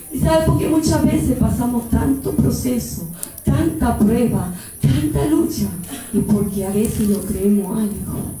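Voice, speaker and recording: A woman with an Argentine accent preaching an impassioned sermon, building into shouted pleas. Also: on the high side. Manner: fervent, rising to shouted pleas. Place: church. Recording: very echoey church hall, mic far off, music behind.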